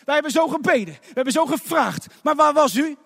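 A man acting out a grieving woman, indignant, loud and reproachful, long reverb. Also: extremely high pitch, animated, brisk, gravelly, pitched above the performer's own voice, heavily acted. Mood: anguished reproach. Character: grieving indignant woman pleading with her Lord.

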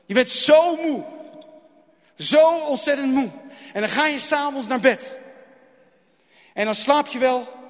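A man preaching a sermon in a dramatic manner, repeating phrases and swinging between loud and hushed delivery. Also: extremely high pitch. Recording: long hall reverb.

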